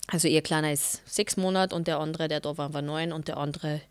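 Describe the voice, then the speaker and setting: A young woman, co-hosting a casual faith podcast and telling stories in a lively way. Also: low-pitched, brisk, clear, resonant tone, no echo. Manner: lively storytelling, animated quoting. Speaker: podcast co-host, mother.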